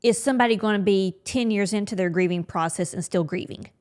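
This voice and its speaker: A woman's voice: medium pitch, fast, a little mellow. A woman co-hosting a podcast, talking frankly and thinking aloud in a candid chat. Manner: frank, chatty, thinking aloud with quoted inner thoughts. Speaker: podcast co-host.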